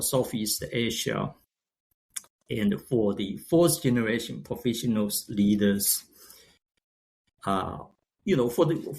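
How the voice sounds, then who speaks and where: Appearing as a guest in a relaxed interview, this Shanghainese-speaking founder from China, now in his sixties, talks in Chinese-accented English. His voice is mid-pitched, creaky, and slightly mellow, and he stops, restarts, and fills gaps while searching for the right words.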